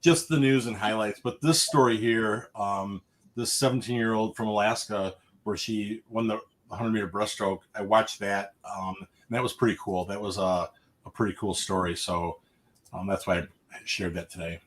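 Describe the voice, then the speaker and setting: A man co-hosting a live stock market show, chatting casually with fillers and trailing off quietly at the ends of sentences. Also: on the low side, steady tone, moderate pace. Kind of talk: casual livestream market chat.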